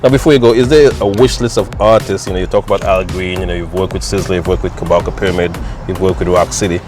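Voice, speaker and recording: A man's voice: low voice, steady tone, quick pace, darkish tone, soft background music. A man from Nevis with a Kittitian and Nevisian accent, presenting and interviewing as a podcast host.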